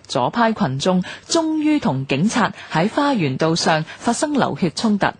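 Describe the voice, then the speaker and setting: A female radio presenter with a Hong Kong Cantonese accent reads a scripted documentary in a formal, measured way. Her voice is lowish, darkish in tone, and slightly rough.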